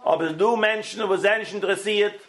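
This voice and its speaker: High-voiced man telling a halting parable. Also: a bit bright. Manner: halting, repeats and restarts phrases; switches between German and English words. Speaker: storyteller.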